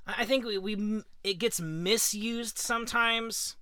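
A man's voice: high voice, steady tone, a little slow, sharp tone, clean tone, no echo. A man co-hosting a casual faith podcast, speaking earnestly and with emphasis, often checking in with "right?". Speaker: podcast co-host.

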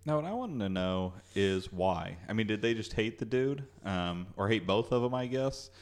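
A man's voice: fairly low pitch, expressive, normal speed. A man co-hosting a podcast in casual chat, laughing often and hedging with "you know" and "I guess". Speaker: podcast co-host.

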